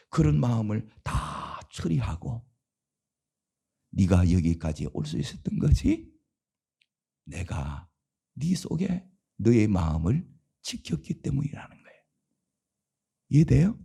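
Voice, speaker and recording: A middle-aged male pastor preaches at a dawn service, his dark, husky voice gravelly at the edges. He throws rhetorical questions at the congregation. His pitch leaps wildly between booming highs and near-whispered lows. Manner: swings between loud exclamations and hushed asides. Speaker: senior pastor. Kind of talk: dawn revival sermon.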